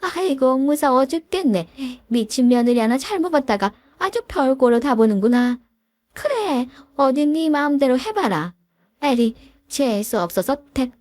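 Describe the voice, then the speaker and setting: A domineering older mother-in-law who nags and sneers, as a woman reading a story puts her on. Her pitch is raised and swings freely in a scornful singsong. The voice is dry and close. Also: lively intonation, measured pace, darkish tone, no room sound. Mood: mocking. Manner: scornful, nagging.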